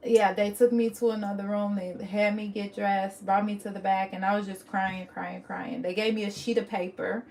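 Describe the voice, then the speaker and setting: A woman's voice: medium pitch, little pitch movement, normal speed, hardly any pauses, darkish tone. A young woman telling a personal story on her vlog, emotional and candid, often restarting her sentences. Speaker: vlogger.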